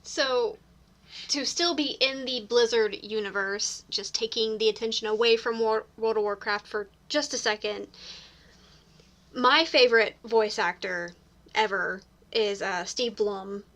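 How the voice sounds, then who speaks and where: A woman's voice: a little high, a little slow, fairly bright tone. A woman co-hosting a casual gaming podcast, chatty and eager. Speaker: podcast co-host.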